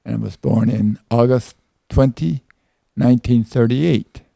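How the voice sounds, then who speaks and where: A man in his eighties from Peru, slowly recalling his family's past in an oral history interview, often repeating himself. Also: medium pitch, vocal fry, mellow, no echo. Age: 80s. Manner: slow, deliberate recollection with repeated words.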